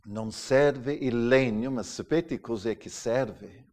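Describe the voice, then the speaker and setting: Slow, emphatic middle-aged male preacher. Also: mid-range voice. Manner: emphatic preaching, swinging between loud declarations and hushed asides. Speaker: pastor. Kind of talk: sermon.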